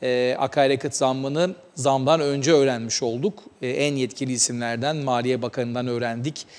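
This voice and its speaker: A man hosting a TV talk show, giving news commentary with a measured delivery and many hesitant filler sounds. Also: medium pitch, fairly even intonation, a little mellow, in a large hall.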